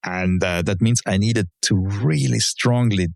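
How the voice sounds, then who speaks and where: A legal professional whose first language is German is a guest in a relaxed conversational interview. His deep, gravelly voice has a darkish tone and comes across halting and hesitant, with many fillers and restarts around his measured explanations. The studio recording is clean, with no room sound.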